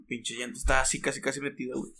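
A man's voice: medium pitch, little pitch movement, very fast, pushed and bright. A man with a northern Mexican accent from Monterrey, co-hosting a podcast and telling a story in casual chat, with heavy crude slang and frequent restarts. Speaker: podcast co-host.

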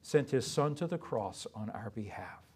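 A man's voice: mid-range voice, expressive, moderate pace, darkish tone, breathy edge. A male pastor delivering a sermon in an emphatic way, putting rhetorical questions to his listeners.

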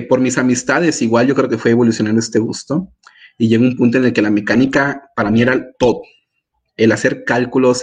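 Husky young man telling stories. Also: medium pitch. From Mérida, Yucatán, Mexico. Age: young adult. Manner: animated storyteller, acts out his own past words. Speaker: guest, engineering student. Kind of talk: casual podcast interview.

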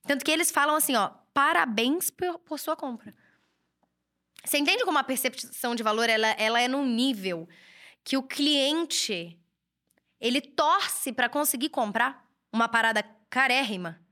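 Bright-voiced chatty woman. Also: high voice, normal speed. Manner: casual, chatty, lively. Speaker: host and writer. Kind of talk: solo business advice talk. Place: indoor room with a curtain backdrop, books and a computer.

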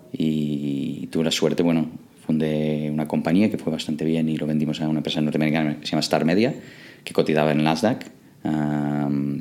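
A man's voice: a bass voice, darkish tone. A man from England, a startup co-founder, answering interview questions in a hesitant way with many fillers and restarts.

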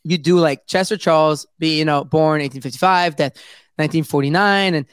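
Chatty high-ish male host, dry sound. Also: fairly quick, smooth, no echo. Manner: chatty and enthusiastic, laughs often. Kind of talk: casual interview chat.

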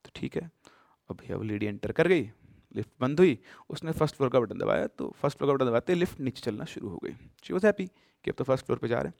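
A man casually telling a horror story, with emphatic bursts and sudden hushed drops. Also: medium pitch, very animated, quick pace, vocal fry, no room sound, clean studio sound.

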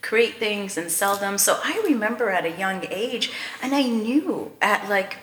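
A woman's voice: mid-range voice, lively intonation, unhurried, a bit bright, reverberant, a little hiss or hum. A Canadian woman, a podcast guest, chatting casually and enthusiastically with frequent fillers and laughs. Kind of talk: casual interview chat.

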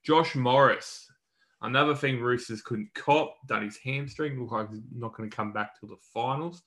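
A man's voice: mid-range voice, normal speed, a bit bright. An Australian man co-hosting a podcast, giving a casual, colloquial rundown of sports news in a matey way. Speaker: podcast co-host.

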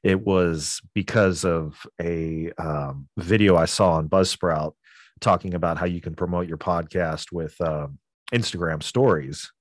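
Man, very low pitch, dry sound, casual interview guest, rambling, many fillers. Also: unhurried, dry recording. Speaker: podcast guest.

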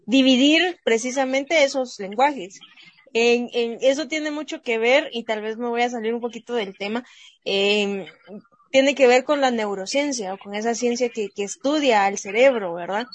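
A woman's voice: fairly high pitch, moderate pace. A woman math teacher talking casually, thoughtful and hesitant, often checking for agreement. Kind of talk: casual panel discussion.

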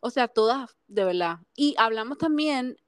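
A woman's voice: a little high, expressive, moderate pace, smooth, no room sound. A woman co-hosting a podcast, chatting expressively and slipping in English phrases. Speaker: podcast co-host. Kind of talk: casual gossip chat.

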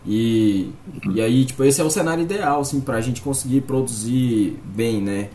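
A man with a Brazilian accent discussing casually, halting often and peppering his explanations with tag words. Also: mid-range voice, mellow. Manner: halting, filler-heavy explaining with frequent "né" and "tipo". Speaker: podcast guest. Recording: faint background noise.

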